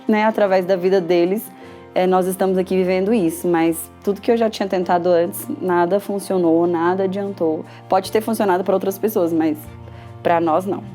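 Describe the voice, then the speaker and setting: A young woman with a Brazilian Portuguese accent shares her own story in a heartfelt, lively way and acts out bits of conversation as she goes. Her voice is mellow and warm, with faint music playing softly behind her. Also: fairly low pitch. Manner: emotional, lively retelling with quoted dialogue. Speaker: patient giving a testimonial. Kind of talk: personal testimonial storytelling.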